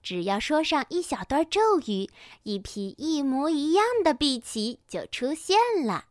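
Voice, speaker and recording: A woman teacher narrating a children's story, acting out the characters with lively energy. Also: high voice, unhurried, no echo, clean studio sound.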